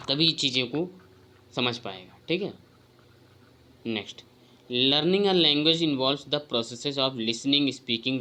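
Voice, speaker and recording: Male tutor, exam-prep lecture, bright, forceful tone, asks and answers his own questions. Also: medium pitch.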